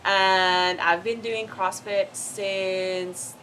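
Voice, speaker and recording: A woman in her twenties from northern Norway, a Norwegian speaker talking in English as a guest in a casual chat, cheerful and animated, on an outdoor patio. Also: medium pitch, extremely slow, slight background noise, poor audio. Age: 20s.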